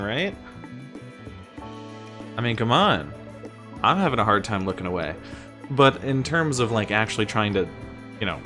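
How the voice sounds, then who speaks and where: A man from the US giving a casual explainer, talking conversationally and asking exasperated rhetorical questions that he often answers himself. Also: lowish voice. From United States. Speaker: streamer and teacher giving presentation tips. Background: music.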